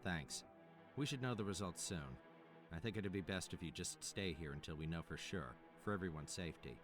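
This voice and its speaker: An actor playing a calm, firm survivor taking charge in a video game, steady and reassuring. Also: male voice, low voice, a little fast, music in the background. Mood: reassuring, insistent.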